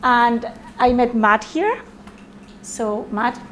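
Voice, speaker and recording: A woman's voice: a little high, extremely slow, fairly bright tone, a little hiss or hum. A woman from Spain with a Spanish accent, giving a casual, hesitant talk to an audience. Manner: hesitant, with fillers and restarts. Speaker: presenter.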